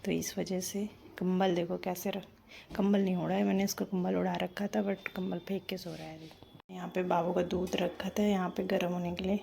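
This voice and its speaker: A woman's voice: lowish voice, flat delivery, moderate pace, vocal fry. A young woman chatting casually in a home vlog from her bedroom, rambling on and talking to her baby. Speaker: family vlogger. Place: bedroom at home with the door open. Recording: loud street traffic noise through open door.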